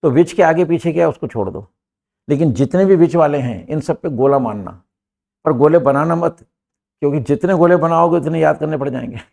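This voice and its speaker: Older Indian-accented male teacher, gravelly, emphatic, rhetorical, heard from across a classroom. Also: on the high side, a little fast, a little mellow. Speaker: English teacher. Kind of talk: classroom lesson.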